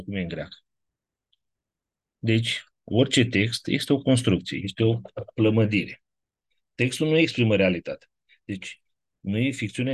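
A man giving a casual classroom lecture, wandering off topic and often checking in with his listeners through quick rhetorical questions. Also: mid-range voice, breathy edge.

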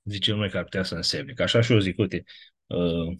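Husky low-voiced man lecturing. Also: fairly even intonation, fairly bright tone. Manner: digressive, keeps checking in with rhetorical questions. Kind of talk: casual classroom lecture.

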